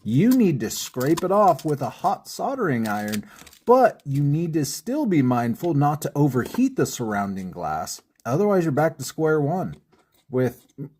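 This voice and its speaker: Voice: mid-range voice, darkish tone. A stained glass artist hosting a craft tutorial in voice-over, playful and jokey, with puns and frequent chuckles.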